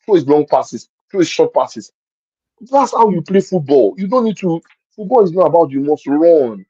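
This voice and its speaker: A man's voice: on the high side, expressive, moderate pace, dark tone, husky, dry recording, lo-fi sound. A man talking football in a casual match-review chat. He makes his points with force, repeats them, and explains with examples. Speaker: football pundit.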